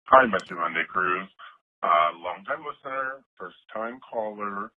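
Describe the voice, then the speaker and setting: A man from the American South leaving a candid, wry voicemail with his voice disguised by a voice changer. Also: measured pace. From Southern United States. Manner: candid, wry confessional telling. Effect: deep voice changer disguising the voice. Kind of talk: casual phoned-in story. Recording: phone-like voicemail through a voice changer.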